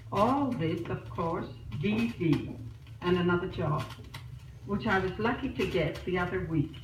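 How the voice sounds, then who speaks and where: A woman tells her news to family in a chatty, storytelling spoken letter. It sounds like an old disc recording, with steady hiss and crackle. She sits back from the microphone in a roomy, echoing space. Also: fairly low pitch, measured pace, far from the mic. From Australia. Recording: noisy echoey old disc recorded from afar.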